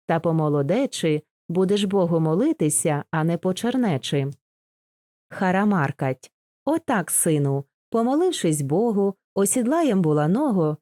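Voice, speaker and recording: An old Cossack father speaking in a homely, instructive way, read by a woman. The voice sits low and mellow, close and dry, with no room around it. It sounds like a storybook audiobook. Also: dry recording. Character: old male Cossack father, wise and steady.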